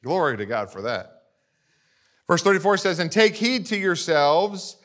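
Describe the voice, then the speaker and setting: Animated preaching man, higher voice. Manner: preachy, animated, asks the congregation for agreement. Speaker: pastor. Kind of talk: sermon.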